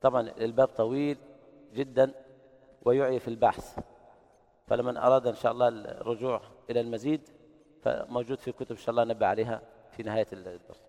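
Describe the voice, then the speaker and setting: A man teaching Quran recitation readings in an explanatory lesson, who breaks into slow, melodic chanting to demonstrate each reading. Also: mid-range voice, steady tone, dark tone, long reverb tail.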